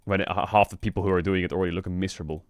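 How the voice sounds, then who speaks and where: A man streaming in casual chat, frank and rambling, swearing often, with a flat delivery because he just woke up. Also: rapid-fire, no echo, studio quality. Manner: flat, low-energy delivery. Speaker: streamer and esports team owner.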